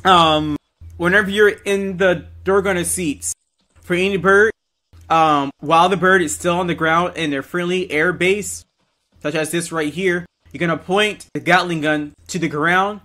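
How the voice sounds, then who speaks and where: Higher-voiced male military game instructor. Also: fairly even intonation, moderate pace, bright, forceful tone. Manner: directive, corrects and quizzes trainees. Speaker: military-sim drill instructor. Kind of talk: instructional briefing in game roleplay.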